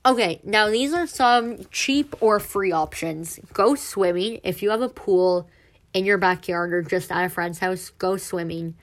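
A woman's voice: mid-range voice, unhurried. A young woman hosting a casual solo podcast, chatty and full of fillers, a little self-deprecating, her voice somewhat muffled and close on the mic. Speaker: podcast host. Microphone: close mic, sometimes too loud.

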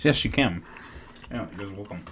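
A man's voice: fairly low pitch, lively intonation, brisk, a bit bright, slight background noise. A man in his twenties hosting a podcast, chatting loosely with plenty of swearing and laughter. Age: 20s. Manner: loose, profane and giggly. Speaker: podcast host. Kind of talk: casual chat.

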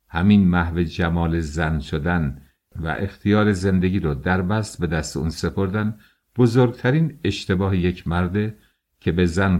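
A man voicing a preachy worldly gentleman. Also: low voice. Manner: preachy, confiding advice. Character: worldly older man lecturing a young friend.

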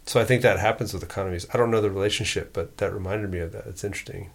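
A man's voice: lowish voice, steady tone, very fast, vocal fry, slightly rough. A man co-hosting a podcast in casual chat, talking in an easygoing way and thinking aloud. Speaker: podcast co-host.

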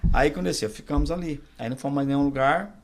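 A middle-aged Brazilian man, a pastor and podcast guest, telling his testimony in a relaxed conversation and acting out the dialogue he quotes. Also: on the high side, very fast, a little hiss or hum. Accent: Brazilian Portuguese. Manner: storyteller who acts out quoted dialogue. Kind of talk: testimony told in a casual interview.

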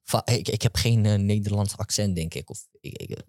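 Young co-host dude, earnest, trips over words, dry close mic. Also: male voice, on the low side, normal speed, a little mellow, no room sound. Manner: earnest, stumbling over words while explaining. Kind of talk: casual chat.

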